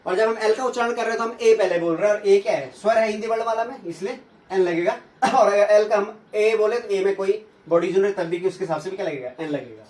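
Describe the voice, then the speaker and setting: High-voiced male teacher in echoey room. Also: a little mellow, distant mic. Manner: asks questions and answers them himself, repeats sounds slowly. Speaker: English teacher. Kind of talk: classroom grammar lesson.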